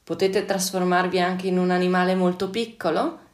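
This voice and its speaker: A woman's voice: level tone, moderate pace, lightly acted. A woman voicing a sly, clever male cat servant in a storybook reading, fawning and crafty. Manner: fawning, then shrill cries for help. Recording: echoey room.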